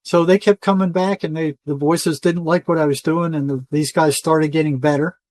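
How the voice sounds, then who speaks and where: An older man, a retired psychotherapist, speaks casually as an interview guest, spinning rambling stories in colloquial language and acting out quoted dialogue. His voice sits fairly high with fairly even intonation, moves at a normal speed, and sounds a little mellow. There's no room sound on the recording.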